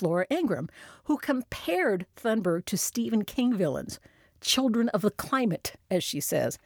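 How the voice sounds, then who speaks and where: A woman's voice: medium pitch, no room sound, studio quality. A woman hosting political commentary, talking in a sarcastic, scornful way.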